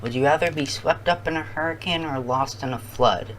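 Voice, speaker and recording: A challenge video host talking casually to viewers and thinking out loud in a halting way. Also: medium pitch, slight background noise, rough recording.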